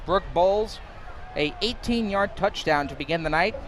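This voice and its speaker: A young man giving live college football play-by-play, excitable, rising to shouts on big plays and sometimes stumbling over his words. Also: high voice, moderate pace, a little hiss or hum. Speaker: play-by-play commentator.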